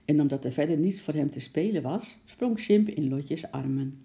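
A reader narrating a children's storybook aloud in a calm, even way. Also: mid-range voice, moderate pace.

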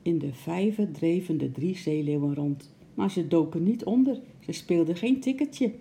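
A woman narrating a children's story aloud in a gentle, expressive way. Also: lowish voice, normal speed, gravelly, a little hiss or hum.

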